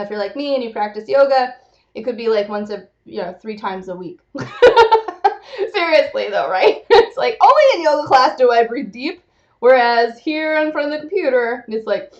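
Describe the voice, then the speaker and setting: A woman's voice: a little high, muffled recording. Bubbly woman leading laughter yoga. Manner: upbeat, playful, bursts into loud rhythmic ho-ho-ha-ha chants. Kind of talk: guided laughter exercise lesson. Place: at home in front of a computer.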